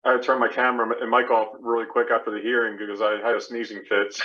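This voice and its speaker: A man's voice: mid-range voice, little pitch movement, fast talker, muffled recording. A man giving plain, explanatory finance remarks over a video call.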